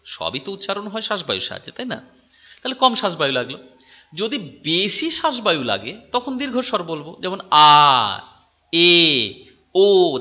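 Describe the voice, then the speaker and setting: A man's voice: on the high side, pushed and bright, highs cut off. A male teacher giving a lecture, repeating key terms, checking with his students and drawing out sounds to demonstrate them. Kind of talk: phonetics lecture.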